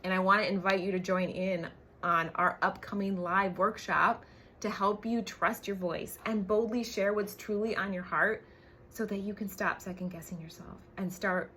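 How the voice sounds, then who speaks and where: Her voice is on the low side with a fairly bright tone, and a slight hiss or hum runs under the recording. This woman, a brand coach who co-owns a business, delivers a forceful motivational livestream, peppering it with casual swearing and quick tag questions.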